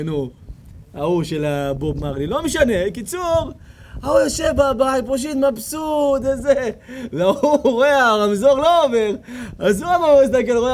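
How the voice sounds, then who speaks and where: Male rabbi, high voice, lively comic storytelling sermon, mic outdoors with faint noise. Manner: animated, acts out characters with sudden shouts. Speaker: rabbi giving a Torah lecture. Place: outdoor evening event before an audience.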